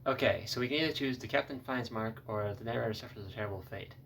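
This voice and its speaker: Bright-voiced man, slightly distant mic, casual commentary. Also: mid-range voice, quick pace, vocal fry. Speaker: gamer reacting to an interactive video. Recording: distant mic, faint noise.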